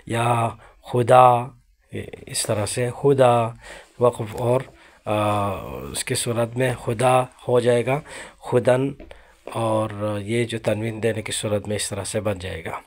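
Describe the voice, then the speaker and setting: A male religious teacher giving a recorded lesson. He explains steadily, uses frequent fillers, and drags out each example word slowly to model how it is pronounced. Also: lowish voice, flat delivery, a little mellow.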